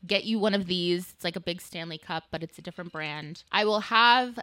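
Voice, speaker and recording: A woman's voice: lowish voice, fairly quick, bright, forceful tone, no room sound. A woman in her twenties talking casually to camera about her daily routines, chatty and full of "like" fillers. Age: 20s. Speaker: vlogger. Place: her small apartment.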